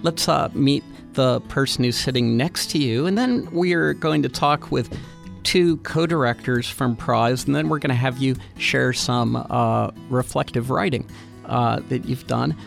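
Gravelly radio host with halting speech. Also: male voice, medium pitch, soft background music. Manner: friendly questioning, frequent "uh" fillers. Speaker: radio host interviewing young guests. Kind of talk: radio interview.

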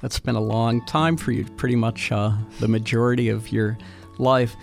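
A man hosting a radio interview, asking friendly questions with many "uh" pauses. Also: mid-range voice, little pitch movement, gravelly, soft background music. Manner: friendly questioning, frequent "uh" fillers. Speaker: radio host interviewing young guests.

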